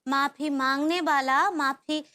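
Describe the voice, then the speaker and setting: An actress, playing an innocent, sing-song housewife in a TV sitcom. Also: female voice, high-pitched, steady tone, slow, bright, forceful tone, slight background noise, full character voice. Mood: gentle. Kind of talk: sitcom acting.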